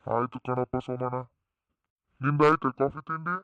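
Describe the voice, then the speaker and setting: A man playing a chatty, friendly village neighbor in a family cartoon story, with quick banter. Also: mid-range voice, steady tone, clear, resonant tone, no echo, phone-quality sound, natural voice.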